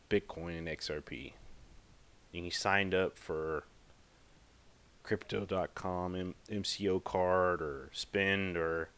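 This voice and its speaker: A man's voice: sits low, fairly bright tone, clear, resonant tone. A man hosting a podcast, talking casually in a rambling, emphatic way with lots of fillers. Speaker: podcast host. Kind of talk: casual monologue.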